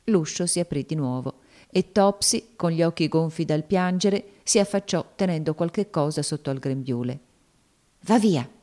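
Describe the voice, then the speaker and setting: A woman narrating a novel in a measured, solemn audiobook reading. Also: low voice, warm tone.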